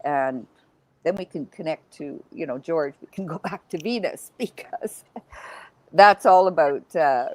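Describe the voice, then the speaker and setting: A woman musing in a panel conversation, rambling in a loose, halting way from one thought to the next. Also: sits low, darkish tone, no echo, low-quality recording. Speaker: roundtable panelist.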